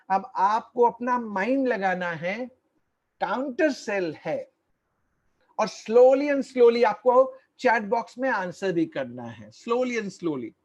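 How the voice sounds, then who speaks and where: A man giving an online tax lecture, slow and deliberate, repeating key points and quizzing his listeners. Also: high voice.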